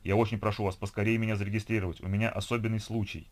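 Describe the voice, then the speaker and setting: A man voicing a blunt, determined young woman in a low plain voice. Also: level tone, very fast, close to an everyday voice.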